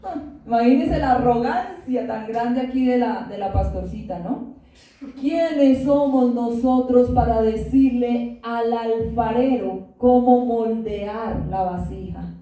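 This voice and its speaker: A woman's voice: a little high, slow, warm tone, distant mic. A woman pastor preaching a sermon, giving testimony and asking the congregation questions. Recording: very echoey room, voice from afar.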